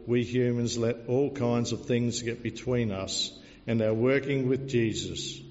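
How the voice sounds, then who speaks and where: A man, a pastor, preaching an earnest sermon and telling a story to illustrate it, in a measured way. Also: medium pitch, a little mellow. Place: church. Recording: dull recording, long church reverb.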